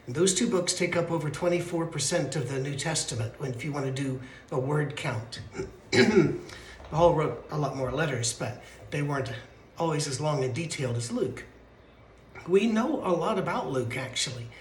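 Male Bible teacher, stuffy and congested, muffled down-a-well voice, fairly high for a man, echoey room. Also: a little hiss or hum. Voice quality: muffled, hollow, like talking from the bottom of a well. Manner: chatty, rambling, with self-corrections and asides. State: congested, stuffy nose from allergies. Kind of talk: casual midweek Bible lesson. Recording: echoey room with faint ambience.

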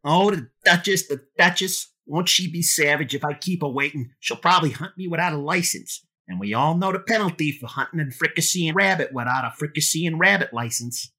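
A man playing a fretful, wisecracking rabbit in a comic storybook parody, fussy and brash with a raspy voice. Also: fairly high pitch, brisk, hardly any pauses, pushed and bright. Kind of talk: comic cartoon-like storybook acting.

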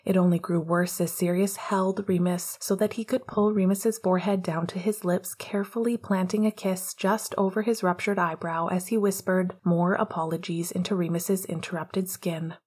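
A woman narrating a romance story in a soft, intimate way, often close to a whisper. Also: on the low side, fairly even intonation, normal speed, hardly any pauses, breathy edge. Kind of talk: audiobook narration of fiction.

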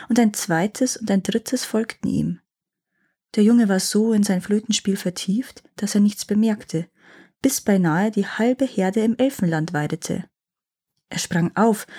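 A woman reads a fairy tale in a calm, unhurried storytelling voice. Her tone is mellow and soft, with a slightly husky grain. She gives the characters' lines a light touch of acting. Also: medium pitch. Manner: calm, gently acted dialogue.

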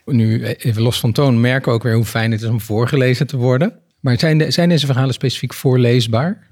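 Husky man hosting a book talk. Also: mid-range voice, fairly even intonation, darkish tone. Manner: thoughtful, hesitant pauses. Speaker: podcast host. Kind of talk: literary discussion.

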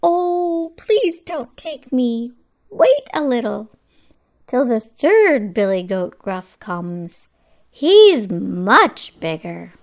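The middle billy goat of a storybook, bolder than his little brother but still pleading, as a woman reader puts him on. His voice sits higher than a plain speaking voice and is raised, not small. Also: big pitch swings, drawn-out words, heavily acted.

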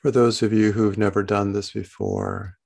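A man leading a guided body-scan meditation as a gentle, soothing bedtime narrator, leaving long pauses between phrases. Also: fairly low pitch, flat delivery, gravelly, breathy edge.

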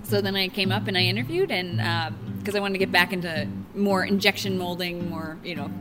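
A woman's voice: lowish voice, fairly quick, over music. A woman co-hosting a podcast and chatting casually, bubbly, with frequent laughs and many ums. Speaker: podcast co-host, plastics engineer.

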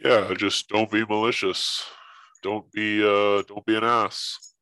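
A man's voice: lowish voice, level tone, slow pace, sharp tone, smooth, no echo. A man talking through a voice changer that disguises his voice, a guest investigator in casual interview chat, blunt and swearing freely.

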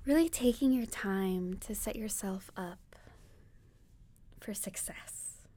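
In a mid-range voice lowered to a breathy near-whisper, a woman leads a guided meditation like a sleep story narrator. She sounds soft, soothing, and gentle, leaving long pauses.

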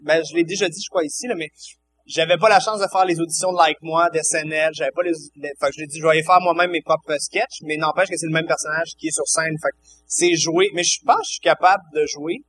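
A Québécois French man explaining his thinking in a relaxed podcast conversation. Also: on the high side, quick pace, a little hiss or hum. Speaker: comedian guest. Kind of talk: casual podcast chat.

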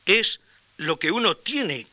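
An older man from Spain with a Castilian accent, giving an academic lecture in a measured, anecdotal way with pauses and restarts. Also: sits high, animated, sharp tone. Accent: Castilian Spanish.

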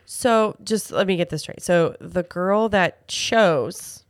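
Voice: mid-range voice, slow, dry recording, studio quality. Podcast co-host asking clarifying questions. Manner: interjecting, asks to clarify. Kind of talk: casual chat.

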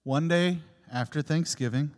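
A man's voice: fairly high pitch, a little slow, a little mellow. A man giving a reflective, personal homily in an earnest storytelling way, his voice ringing with a long cathedral echo in a large church. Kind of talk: reflective sermon.

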